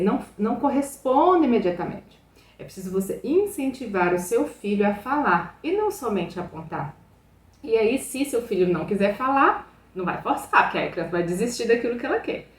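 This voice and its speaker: Brazilian pediatrician woman in an echoey room. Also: medium pitch. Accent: Brazilian Portuguese. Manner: chatty, often asks "né?" and calls the audience "gente". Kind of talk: advice talk to parents. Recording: echoey room, distant mic.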